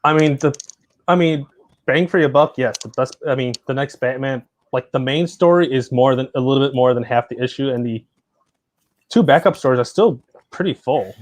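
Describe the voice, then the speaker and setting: A man co-hosting a casual comic book chat, answering in a relaxed, brief way. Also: medium pitch, moderate pace.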